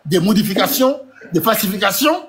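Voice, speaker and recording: A man's voice: sits high, animated, a little fast, a crowd in the background. A man challenging others in a heated live debate, insistent, stammering and repeating himself. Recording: faint background noise.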